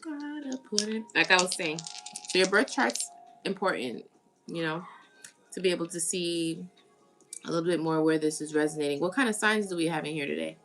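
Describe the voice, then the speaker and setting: A woman's voice: on the low side, moderate pace, a bit bright, faint music behind. A woman from the United States hosting a tarot live stream, chatting casually and greeting viewers as she reads their comments. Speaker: tarot reader.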